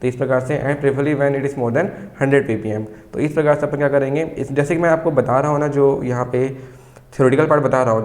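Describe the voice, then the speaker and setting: Man, young adult, engineering teacher, repetitive explaining, slow note dictation. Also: mid-range voice, a little mellow. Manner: repetitive, asks and answers his own questions. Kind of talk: explaining, then dictating notes slowly.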